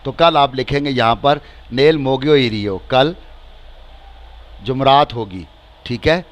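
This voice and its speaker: A man with a Pakistani accent teaching a language lesson, slowly repeating each word and then giving its translation. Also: medium pitch. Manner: slow and repetitive, stretching each word and repeating phrases with translations.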